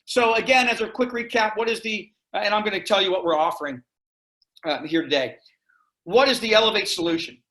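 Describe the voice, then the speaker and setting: Guy giving a sales webinar, high bright voice, energetic and straight to the point. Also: a little fast. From Florida, US. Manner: energetic, direct, persuasive salesman. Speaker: webinar presenter.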